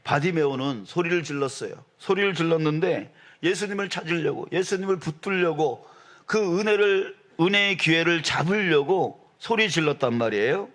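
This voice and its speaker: A man preaching a sermon as pastor, building to loud, emphatic peaks. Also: on the high side, animated, moderate pace. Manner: rises to loud emphatic peaks, acts out quoted voices.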